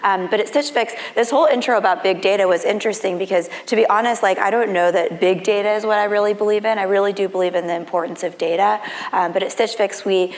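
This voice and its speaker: A woman panelist talking conversationally and informally with a thin, reedy, raspy voice that is almost gone and squeaky. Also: fast talker, few pauses. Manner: informal, frequent "like". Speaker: panelist, fashion company executive. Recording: long hall reverb.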